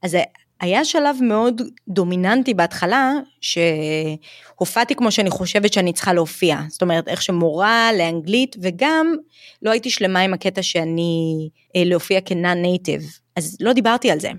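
A woman's voice: fairly low pitch, lively intonation, no echo, clean studio sound. Reflective Israeli woman podcast guest. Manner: reflective, frank, sprinkles English phrases. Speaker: English teacher and YouTuber, guest. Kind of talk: podcast interview conversation.

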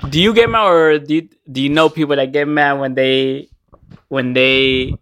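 A man's voice: mid-range voice, moderate pace, fairly bright tone, smooth, no echo. Hesitant podcast guy, dry close sound. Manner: hesitant, stumbling, lots of "um". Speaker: podcast co-host. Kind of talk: casual chat.

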